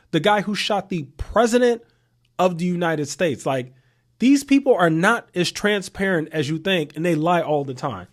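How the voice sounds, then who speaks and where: A thirty-year-old man talks straight to his audience in a casual commentary, leaning on rhetorical questions and repeating key points for emphasis. His voice sits a little higher than most men's. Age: 30s. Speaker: commentary channel host.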